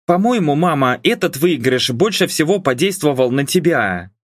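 A man voicing a sharp-tongued young woman who teases and mocks her mother, in an audiobook reading. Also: low voice, very animated, normal speed, no echo, studio quality, voice pushed up. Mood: mocking. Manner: mocking, teasing.

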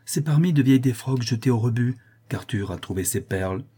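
A man's voice: medium pitch, expressive, brisk, dark tone, husky. A man reading an audiobook who voices an earnest, anxious young woman who speaks hesitantly and explains herself. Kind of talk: audiobook character voice.

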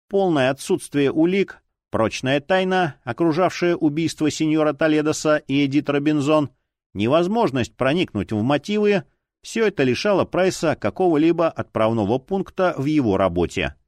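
Male narrator, detective audiobook, measured expressive reading, animated pitch, dry sound. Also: no echo. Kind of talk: scripted narration.

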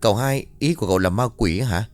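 A man's voice: lowish voice, fast, a little mellow, dry recording, faint music behind, lightly acted. A man voicing a bored young nephew who speaks politely and pleads with his elders. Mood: pleading.

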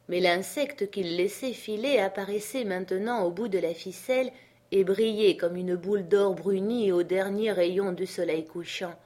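A woman narrating a classic story aloud in a measured, even reading voice. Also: fairly low pitch. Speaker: audiobook reader. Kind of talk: scripted narration.

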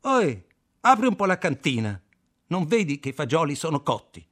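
A man playing a tough, cunning squad leader in his forties, gruff and shouting orders. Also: fairly high pitch, very animated, moderate pace, pitched above the performer's own voice. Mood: rough shout.

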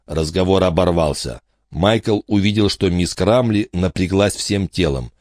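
A man narrating a children's adventure novel in an expressive storytelling manner. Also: sits low, unhurried, no echo, clean studio sound. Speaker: audiobook narrator. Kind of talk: scripted narration.

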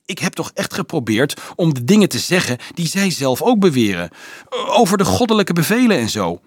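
A man voicing a clever, doubtful teenage boy who talks quickly and earnestly, in a husky voice. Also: sing-song, no echo. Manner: quick, eager, sometimes shrill.

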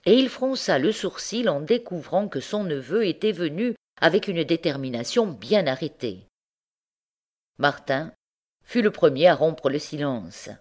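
Low, slow woman reading a novel. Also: expressive, darkish tone. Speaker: volunteer audiobook reader. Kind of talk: scripted narration of a classic novel.

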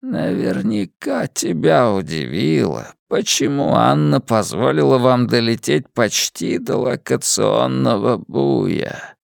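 A man's voice: medium pitch, big pitch swings, vocal fry, no echo, clean studio sound, exaggerated voice. A man voicing a frail old sci-fi villain. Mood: cold menace. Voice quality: weak rustling old voice. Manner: slow, measured, coldly polite.

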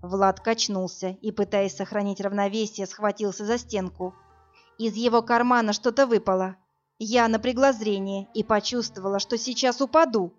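A woman narrating a first-person thriller audiobook in a tense, steady way. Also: medium pitch, normal speed, soft background music. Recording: dull lo-fi audio.

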